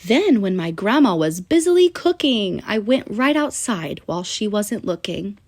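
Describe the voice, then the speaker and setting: A children's book narrator, a woman with a medium-pitched voice, gives an expressive read-aloud of a rhyming picture book. Her delivery is animated and sing-song, with deliberate pauses.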